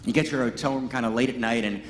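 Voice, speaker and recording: Preaching a Sunday sermon as a guest teacher in a large, echoey church hall with faint ambience, a Hebrew-native man raised in Massachusetts and from Pittsfield talks very fast in a mid-range voice. He spins a loose personal story, peppered with "you know" and "right?", rising to emphatic passages. Slight hiss or hum is audible.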